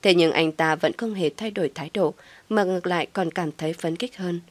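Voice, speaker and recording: A woman narrating a dramatic audio story in a steady, measured way. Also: lowish voice, dry recording.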